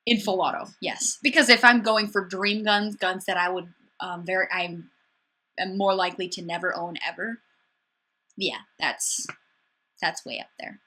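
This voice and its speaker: Bright-voiced young woman from Wisconsin chatting. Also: on the low side, fairly even intonation. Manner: chatty, upbeat, sarcastic, quick restarts. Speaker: livestream host. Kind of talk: casual livestream chat reading viewer comments. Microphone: webcam mic.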